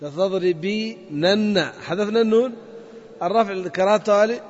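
In a reverberant hall, captured with dull lo-fi sound, a man runs a grammar class in a high voice at a slightly fast pace. He methodically repeats points and quizzes the students.

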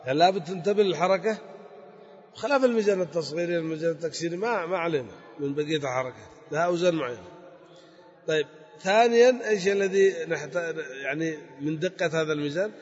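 A man's voice: a little high, quick pace. A man teaching a grammar lesson, explaining step by step and repeating key words. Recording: dull lo-fi recording with long hall reverb.

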